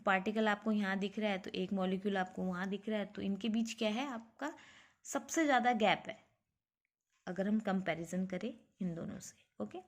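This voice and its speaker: A woman teaching a lesson, slowly explaining and asking the viewer questions. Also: medium pitch. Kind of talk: classroom physics lesson mixing Hindi and English.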